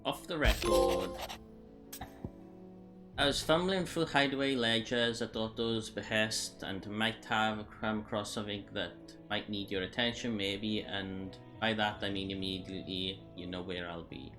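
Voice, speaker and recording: A man's voice: on the low side, unhurried. A man giving casual let's play commentary, chatting and thinking aloud while he plays. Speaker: gaming youtuber. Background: game music.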